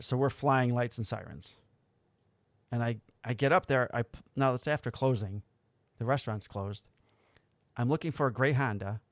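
In clean studio sound with no echo, a medium-pitched man who is both a police officer and a podcast host tells a story from work. His casual delivery is blunt and wry, with plenty of swearing.

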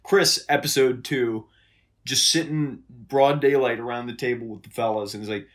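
A man's voice: medium pitch, steady tone, moderate pace. A man co-hosting a casual comedic recap podcast who riffs loosely, swears and calls his partner dude. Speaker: podcast co-host.

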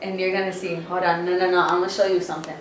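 A woman's voice: on the low side, level tone, rapid-fire, far from the mic. A woman co-hosting a podcast in casual, slangy chat, reading out viewer comments bluntly. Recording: echoey room, faint noise.

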